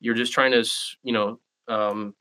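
A man's voice: on the low side, steady tone, unhurried, pushed and bright. A man in a casual podcast chat, explaining his points and acting out imagined remarks as he goes.

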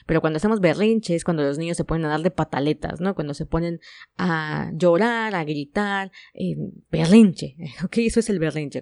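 A woman's voice: lowish voice, darkish tone, no room sound, clean studio sound. A woman from Mexico with a Mexican Spanish accent, hosting a relationship advice podcast in a chatty, frank way with playful asides. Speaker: podcast host.

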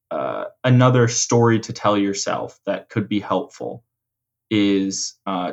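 A man in a conversational coaching role, explaining ideas in a measured way and rephrasing his points. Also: lowish voice, highs cut off. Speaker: host and coach explaining mental frameworks.

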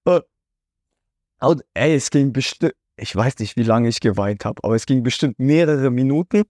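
Husky-voiced man telling a personal story. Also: mid-range voice, expressive, normal speed, a little mellow. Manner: earnest, emotional, full of "weißt du" fillers. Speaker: podcast host.

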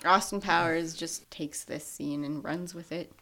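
A woman's voice: low-pitched, steady tone, a little slow, bright, forceful tone. A woman co-hosting a podcast, recapping a film plot in casual chat with wry asides. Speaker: podcast co-host.

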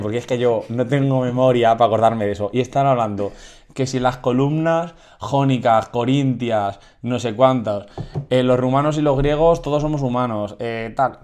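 A man from Spain, co-hosting a casual comedy podcast and telling a story with lively quoted voices. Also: mid-range voice. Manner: animated, acts out quotes of others. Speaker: podcast co-host.

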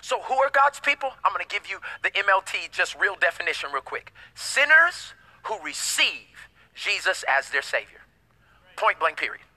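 A man's voice: high-pitched, very animated, moderate pace, pushed and bright, low-quality recording. A man preaching a sermon as pastor, emphatic, with call-and-response and casual slangy asides.

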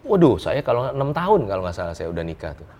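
A middle-aged man, a guest telling a personal story in an interview, animated and quick to laugh. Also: fairly low pitch, crowd noise. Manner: animated, laughs often, acts out dialogue.

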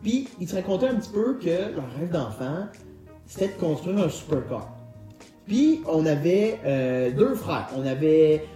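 A man's voice: fairly high pitch, sing-song, unhurried, dark tone. A man with a Québécois French accent chatting and telling stories as a podcast host, in a joking, colloquial way. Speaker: podcast host presenting a car segment. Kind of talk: casual chat and storytelling. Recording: roomy echo, music underneath.

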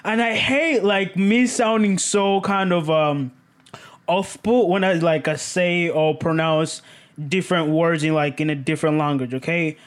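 A man with a high voice hosts a podcast in loose, casual chat. He rambles and keeps ending his thoughts with "okay?", and his delivery stays animated. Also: measured pace, clean tone. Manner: rambling, tags lines with "okay?"; laughs at himself, animated. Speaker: podcast host.

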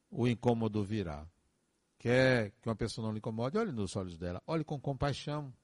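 A man's voice: mid-range voice, no room sound. A man, speaking as a counselor in a reflective, earnest monologue full of advice and emphatic repetitions.

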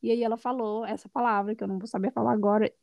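A woman guest on a podcast, telling her stories in a casual, lively way and laughing often. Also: fairly high pitch, racing, gravelly, no room sound, studio quality. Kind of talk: casual conversational storytelling.

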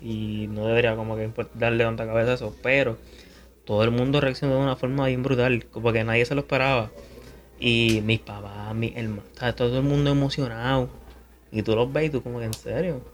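Guy as podcast guest, mid-pitched, hesitant casual talk with many restarts. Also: fairly even intonation, quick pace. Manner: hesitant, often restarts and asks "me entiendes". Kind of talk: casual conversation.

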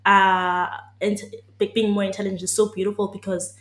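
A woman's voice: medium pitch, level tone, brisk, a bit bright, echoey room. A woman from South Africa co-hosting a casual podcast chat, talking in an earnest, emphatic way. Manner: earnest, emphatic, talks through ideas at length.

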